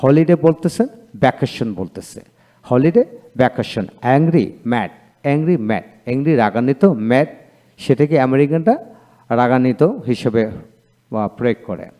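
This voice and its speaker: Man teaching pronunciation, mellow voice. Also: mid-range voice, animated. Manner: reads word pairs aloud, drawn-out and repetitive. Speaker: English teacher. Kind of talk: video lecture on pronunciation.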